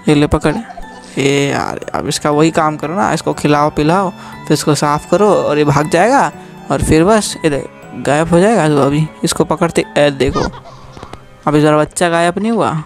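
A man's voice: a little high, moderate pace, creaky, soft background music. A young man gives casual, joking commentary while playing a horror game, teasing the game and talking straight to his viewers. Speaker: gaming youtuber.

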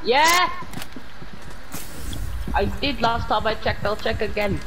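Lively British gamer, loud noise. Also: medium pitch, slow pace. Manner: animated callouts. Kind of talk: casual game chat. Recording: very noisy gaming voice chat.

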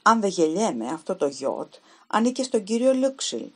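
A woman's voice: medium pitch, big pitch swings, breathy edge, voice pushed up. A woman reading aloud, voicing a pale, frightened young female typist who pleads in a trembling voice. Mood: anxious pleading.

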